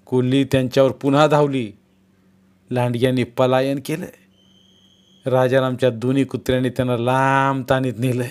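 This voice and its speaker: A man's voice: medium pitch, flat delivery, normal speed, pauses often, a little mellow. A man reading a novel aloud as a storyteller, telling the story steadily and acting out the dialogue.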